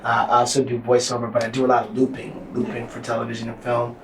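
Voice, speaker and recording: A man, an actor on a convention panel, speaking easygoing with "uh" pauses. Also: medium pitch, completely flat delivery. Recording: roomy distant mic with faint noise.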